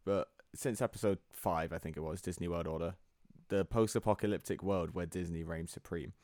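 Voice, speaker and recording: Male podcast co-host, deep voice, rambling casual delivery, dry studio sound. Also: fairly even intonation, a little fast, a little mellow, no echo. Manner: rambling, laughs easily. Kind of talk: casual chat.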